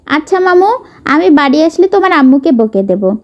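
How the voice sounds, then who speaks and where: A woman's voice: high-pitched, sing-song, normal speed, highs cut off. A woman voicing a confident young man who teases his mother playfully on the phone. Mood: teasing. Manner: playful, lightly teasing. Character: teasing young man, confident soldier son.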